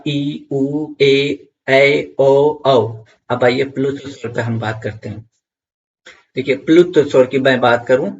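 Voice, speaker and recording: A man's voice: mid-range voice, vocal fry, highs cut off. A man teaching an online grammar lesson for exam students, repeating key points and checking in with viewers.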